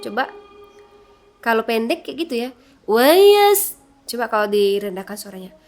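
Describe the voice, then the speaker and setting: A woman teaching Quran recitation melody, explaining softly and then singing verses louder and higher as examples. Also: brisk, faint music behind. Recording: echoey room with long reverb.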